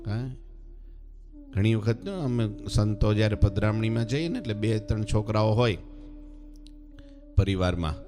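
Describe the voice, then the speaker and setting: A man's voice: fairly low pitch, moderate pace, pauses often, music in the background. A man who is a swami preacher, telling a devotional story as a sermon and often asking his listeners rhetorical questions.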